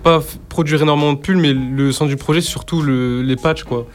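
A man's voice: on the high side, fairly even intonation, a little fast, soft background music. A man co-hosting an interview, asking questions hesitantly and thinking aloud as he goes. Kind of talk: casual interview.

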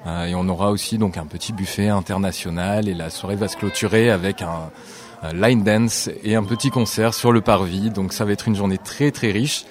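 Man, low voice, informative radio guest, steady explanations. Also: moderate pace. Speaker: event organizer guest. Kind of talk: radio interview.

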